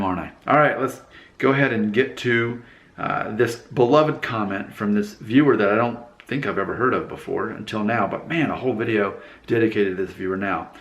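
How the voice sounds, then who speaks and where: This man hosts his own YouTube channel, delivering a casual monologue to camera that turns candid, emphatic and preachy. His voice is fairly low and a bit bright, with a roomy sound.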